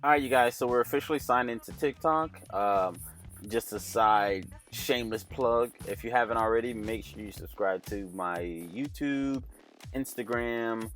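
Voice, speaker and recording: A man's voice: mid-range voice, moderate pace, a bit bright, soft background music. A man hosting a tech channel, sitting in a parked car and chatting upbeat as he walks through screen features, thinking aloud. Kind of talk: casual demo walkthrough.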